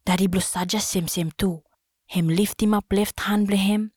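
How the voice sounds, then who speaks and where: A woman's voice: medium pitch, steady tone, normal speed, a little mellow, no room sound, clean studio sound. A woman with a Solomon Islands accent narrating a storybook expressively in Solomon Islands Pidgin.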